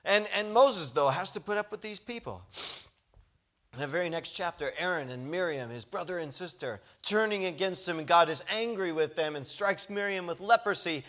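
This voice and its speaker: Brief: male preacher, casual and emphatic storytelling sermon, voice a bit high. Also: expressive, moderate pace, fairly bright tone.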